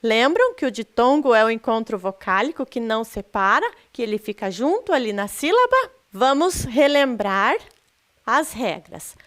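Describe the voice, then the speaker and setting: A woman's voice: fairly high pitch, big pitch swings, moderate pace, fairly bright tone. A Brazilian woman teaching a recorded lesson to sixth graders, patiently questioning the class and stressing syllables. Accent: Brazilian Portuguese.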